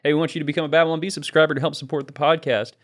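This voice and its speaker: A man's voice: on the high side, level tone, very fast. Upbeat man hosting a comedy podcast. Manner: upbeat, joking, reads ad copy. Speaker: podcast host. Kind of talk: casual comedy podcast chat.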